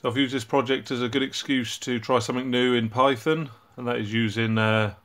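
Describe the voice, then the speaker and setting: A man hosting his own hobby channel, casually walking through a project and explaining it in a relaxed way with frequent ums and uhs. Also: mid-range voice, fairly quick. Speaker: robotics hobbyist channel host.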